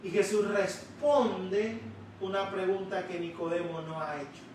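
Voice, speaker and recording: A man's voice: sits high, steady tone. Male preacher in a church, takes his time, leans hard on words, far off mic, faint hiss. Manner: slow, emphatic, drawing out key words. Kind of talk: sermon. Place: church sanctuary. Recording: echoey church hall, distant mic.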